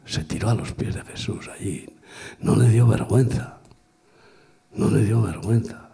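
A middle-aged man preaching a sermon to a congregation, swinging between loud exclamations and near-whispers and repeating words for emphasis. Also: rumbling low, vocal fry, breathy edge. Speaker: pastor. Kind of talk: sermon at a women's retreat. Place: church hall before a congregation.

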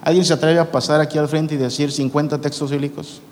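A man's voice: fairly high pitch, level tone, fast talker. A man preaching a sermon to a congregation in a conversational way, asking them questions as he talks. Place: large church hall. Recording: long reverb from a large hall.

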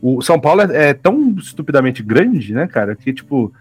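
A man's voice: mid-range voice, sing-song, brisk, breathy edge, no room sound, faint music behind. Slangy rambling man, dry mic. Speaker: podcast participant. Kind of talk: casual group chat.

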